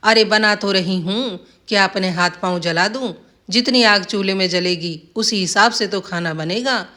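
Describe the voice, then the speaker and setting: A woman voicing a stingy, sharp-tongued old village wife. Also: mid-range voice, moderate pace, natural voice. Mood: snappy.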